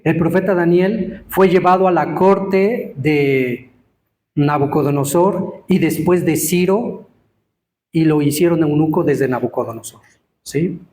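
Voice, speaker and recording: A man giving an interactive Torah teaching to a live congregation, quizzing listeners and stressing words slowly. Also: fairly high pitch, darkish tone.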